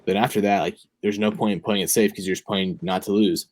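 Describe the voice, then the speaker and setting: A young man with a fairly low voice talks through his picks in casual chat. He rambles and thinks aloud, dropping plenty of ums and likes as he goes. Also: steady tone, fairly quick. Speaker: fantasy football podcast co-host.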